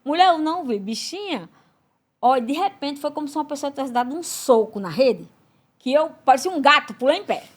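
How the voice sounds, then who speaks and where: A woman, a podcast guest giving a religious testimony, telling her story in an animated way and acting out the voices in it. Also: a little fast. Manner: animated storyteller, acts out voices with big pitch swings.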